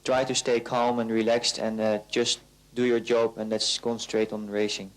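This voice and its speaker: A man's voice: lowish voice, level tone, normal speed, a little hiss or hum, poor audio. A young man, a racing driver, answering interview questions hesitantly with ums.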